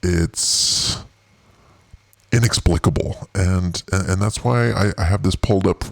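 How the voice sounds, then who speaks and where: A man's voice: sits low, a little slow, vocal fry, no echo. A man hosting his own livestream show, talking in a rambling, wry way with many restarts. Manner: rambling, full of restarts and fillers. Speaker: show host. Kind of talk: casual livestream monologue.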